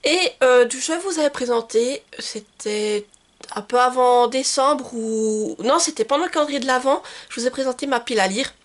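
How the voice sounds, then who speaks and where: A woman's voice: high-pitched, moderate pace. A woman from France talking through her reading challenge in a casual book vlog, chatty with frequent fillers and restarts. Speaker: book vlogger.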